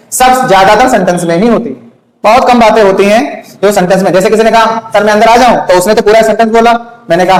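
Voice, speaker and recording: A male teacher giving a classroom grammar lesson, often stopping to check that his students have understood. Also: high voice. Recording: echoey room.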